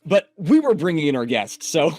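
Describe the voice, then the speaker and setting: Podcast host guy, super animated voice, dry sound, faint music underneath. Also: a little high, moderate pace, no room sound. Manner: chatty, upbeat, hypes the guest. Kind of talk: casual chat.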